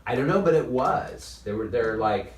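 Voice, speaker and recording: A man, a stage actor, talking casually about his craft, thinking aloud in an animated way. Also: medium pitch, moderate pace. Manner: animated, thinking aloud, illustrating with acted-out lines. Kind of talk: casual discussion of acting. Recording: echoey room, distant mic, faint noise.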